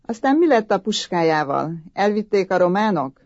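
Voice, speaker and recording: Woman playing an impatient city army officer, barks orders, higher and louder than her narration, dull dry audiobook. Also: sing-song, no echo. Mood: questioning. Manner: brusque, commanding, raised voice. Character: impatient, bossy three-star army officer from the capital.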